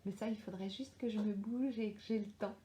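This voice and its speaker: A woman's voice: medium pitch, fairly even intonation, a little fast, dark tone. A woman author chatting casually on a live stream, answering viewers' comments as she thinks aloud. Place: at home in Australia. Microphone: livestream webcam or phone. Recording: roomy echo.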